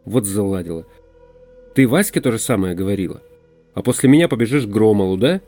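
Audiobook: reader plays a curt modern man, sarcastic, quick to anger. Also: fairly low pitch, lively intonation, mellow, faint music behind, lightly acted. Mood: angry. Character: irritable modern male journalist.

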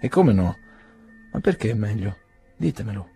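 A shy, gentle young peasant woman who speaks earnestly, as a man reads her aloud. The voice stays fairly low and dark, with a husky edge. This is a storybook reading. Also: very animated, normal speed, soft background music, heavily acted.

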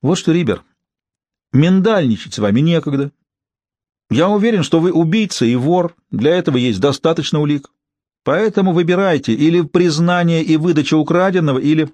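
Brief: man reading as a menacing gendarme colonel, pitched up, dry and close. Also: animated, brisk, a little mellow, dry recording, natural voice. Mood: threatening. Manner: threatening, commanding. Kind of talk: audiobook character voice.

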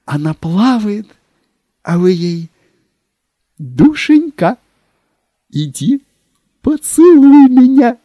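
A man's voice: high-pitched, expressive, a little slow, warm tone, no room sound, studio quality, pitched above the performer's own voice, heavily acted. A man voicing a fawning court secretary who gushes about food, with a wheedling, savoring manner and dropping into whispers. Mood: dreamy. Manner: wheedling, savoring every dish, slips into whispers.

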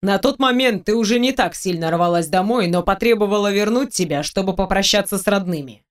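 A reader voicing a cunning, powerful male mage lord who speaks calmly and tersely in an audiobook. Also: mid-range voice, a little fast, lightly acted. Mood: explaining. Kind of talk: audiobook character voice.

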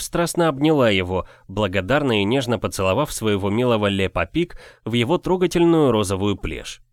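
A man's voice: fairly low pitch, no room sound, clean studio sound. A man narrating a first-person audiobook with a wry storytelling manner.

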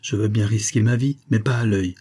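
Guy doing a gruff greedy guardsman, blunt and pushy, dark husky voice, audiobook. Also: lowish voice, brisk, close to an everyday voice. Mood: haggling. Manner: blunt, haggling.

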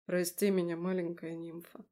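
Woman reading male dragon husband for an audiobook: low, slow, measured, mellow tone. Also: flat delivery, lightly acted. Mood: tender. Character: male dragon husband, deep-voiced, stern then tender.

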